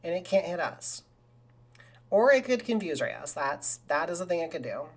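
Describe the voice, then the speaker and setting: A woman streaming a game live, chatting casually in a rambling way and breaking into excited cheers. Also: lowish voice, normal speed. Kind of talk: casual live gaming commentary.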